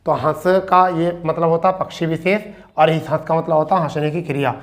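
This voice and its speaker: A man's voice: a little high, steady tone, brisk. A man teaching an exam-prep Hindi spelling lesson, repeating each word and asking and answering his own questions. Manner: addresses students as beta.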